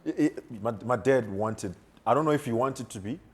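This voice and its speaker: A man's voice: medium pitch, fairly quick, slightly rough. A young South African man co-hosting a casual chat, telling rambling family stories and swearing casually. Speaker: podcast co-host.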